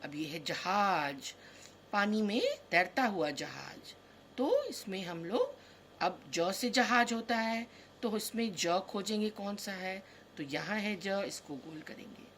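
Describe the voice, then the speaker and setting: Woman, kindergarten teacher, slow, patient, sing-song, stresses each letter, talks to children, faint hum behind. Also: mid-range voice, sing-song, a bit bright. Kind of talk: slow, patient worksheet lesson for young children.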